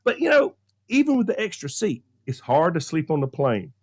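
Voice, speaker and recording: On a talk show, a middle-aged man from the American South spins a funny yarn, his voice on the high side at a normal speed. He's a radio show regular who reviews movies, acting out every quote with lively energy and frequent laughter.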